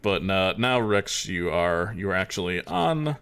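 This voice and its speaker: A man casts an esports match live on stream, his voice sitting on the low side. He talks in a loose, rambling, chatty way, like a friend at a desk mic. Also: animated, unhurried, a bit bright, smooth. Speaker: esports caster.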